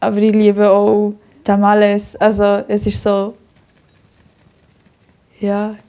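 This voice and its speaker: A woman's voice: medium pitch, completely flat delivery, slow pace, warm tone. A young woman with a Bernese Swiss German accent, telling her own story in an interview, often breaking into hearty laughter and talking at length with many fillers and restarts.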